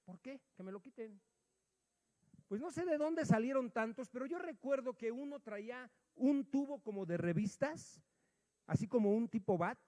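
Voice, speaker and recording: A man preaching a sermon, telling a personal story and acting out the dialogue, dropping quiet and then rising loud. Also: high-pitched. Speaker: pastor. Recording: long hall reverb.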